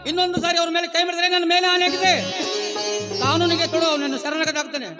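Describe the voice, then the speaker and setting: ಒಬ್ಬ ನಟ ಆಡುವ ಧರ್ಮಿಷ್ಠ ಹಿರಿಯ ಅಣ್ಣ, ವೇಗವಾಗಿ ಮಾತನಾಡುತ್ತಾ ತಡೆಯಲು ಬೇಡಿಕೊಳ್ಳುತ್ತಾನೆ. ಹಿಂದೆ ರಂಗಸಂಗೀತ ಮತ್ತು ಸಿತಾರ್ ಕೇಳುತ್ತದೆ. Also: male voice, very high-pitched, fairly even intonation, quick pace. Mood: urgent restraint. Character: righteous elder brother, restraining and calm. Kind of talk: stage drama acting. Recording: stage music and sitar behind.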